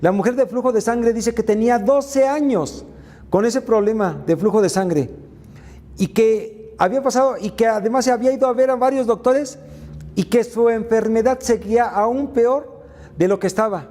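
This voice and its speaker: A man's voice: high voice, moderate pace, warm tone, big-room sound. A man giving a motivational faith talk, retelling Bible stories with frequent filler sounds. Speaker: faith mentor and speaker.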